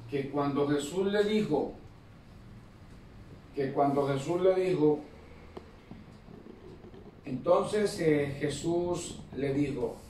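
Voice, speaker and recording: A man's voice: fairly high pitch, dark tone, slight background noise. A man preaching a sermon in a conversational way, repeating phrases and asking for amens. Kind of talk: Pentecostal-style sermon. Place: church hall. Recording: echoey hall, mic far off.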